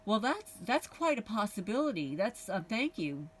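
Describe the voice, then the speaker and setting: A woman's voice: medium pitch, big pitch swings, normal speed, distant mic, slight background noise, low-quality recording. A woman with a Kentucky accent talking casually to her channel viewers, rambling with many ums and restarts. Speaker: homesteading channel vlogger. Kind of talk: casual vlog talk to viewers.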